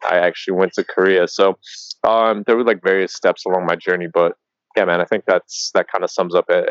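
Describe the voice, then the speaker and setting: This Coloradan guest, early thirties, keeps the interview chat loose and easygoing, stumbling through fillers and restarts and addressing the host as "man." His low voice sounds clear and resonant on a dry recording with the highs cut off.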